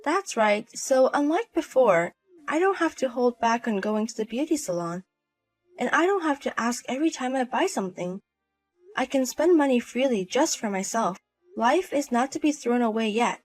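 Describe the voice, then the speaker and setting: A woman with a fairly high voice, acting out a scripted drama with a cold, cutting and dismissive manner. Soft music plays under her lines. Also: animated, normal speed. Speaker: narrator and wife in a voiced story.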